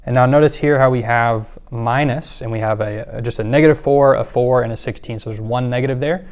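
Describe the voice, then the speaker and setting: Talking briskly in a mid-range voice, a math teacher goes through worked examples one step at a time, explaining steadily and dropping in a filler now and then.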